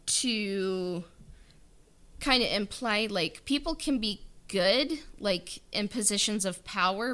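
This writer-director of a fan audio drama, interviewed in a casual behind-the-scenes conversation, rambles hesitantly and fills her speech with "like" and "you know." Her mid-range voice sounds bright and forceful.

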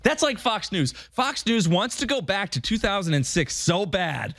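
Indignant conspiratorial man ranting, American, high-pitched. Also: big pitch swings, normal speed, fairly bright tone, no echo, studio quality. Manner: sarcastic, mocking. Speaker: talk show host. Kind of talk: political opinion rant on a call-in show.

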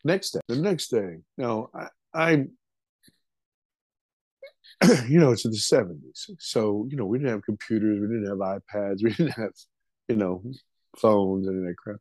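A man's voice: on the low side, a little slow, pauses often, darkish tone, dry recording. Man telling a story with casual swearing. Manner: casual, swears freely, vivid retelling of a childhood experience. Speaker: interview guest. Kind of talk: storytelling in a podcast interview.

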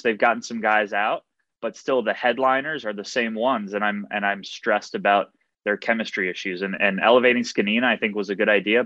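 A man's voice: fairly low pitch, fairly bright tone, no room sound. A man giving casual, opinionated sports analysis as a podcast panelist. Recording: dry, dull lo-fi microphone sound.

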